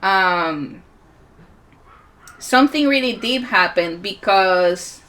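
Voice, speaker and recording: A woman in her forties speaks with a Puerto Rican accent, slowly and reflectively, at a conference. Her tone is bright and forward, and she stops often to gather her thoughts. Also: medium pitch, expressive. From Puerto Rico. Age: 40s. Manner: unhurried, reflective, with many pauses and fillers. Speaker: musician and healer speaking at a conference. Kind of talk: conference talk.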